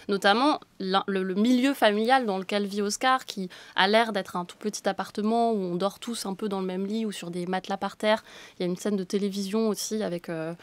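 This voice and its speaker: A woman's voice: medium pitch, no echo. A young woman hosting a radio critics' panel in a studio, speaking articulately and passing the word to her guests. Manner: articulate, leading the talk and handing over to guests. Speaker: radio host. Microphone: studio microphone with headphones.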